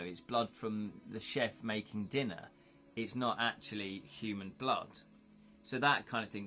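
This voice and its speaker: This man from the United Kingdom hosts a live stream, with a medium pitch and a sharp tone. He rambles in casual chat with his viewers, thinking out loud and saying "you know" a lot.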